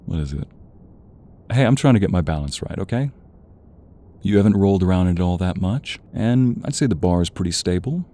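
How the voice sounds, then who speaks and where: A man with a deep, dark, expressive voice speaks briskly as a playful, doting boyfriend at a home gym in a romance audio roleplay. He teases affectionately, letting out small grunts as he chats.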